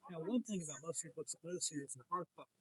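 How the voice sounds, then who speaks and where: A man's voice: on the high side, very fast, a little mellow, husky, no room sound, poor audio. A man interviewing a comics publisher, asking long, rambling questions with many restarts. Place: comic convention floor.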